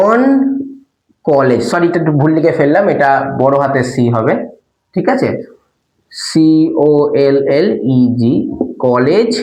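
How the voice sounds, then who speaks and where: Echoey male teacher, quick questions. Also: on the high side. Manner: asks questions and answers them himself, spells words out. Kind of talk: classroom English lesson for children. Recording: echoey room.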